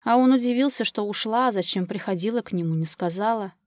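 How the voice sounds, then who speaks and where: A woman's voice: mid-range voice, quick pace, a little mellow, dry recording. Woman narrating an audiobook, dry close sound. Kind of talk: scripted narration.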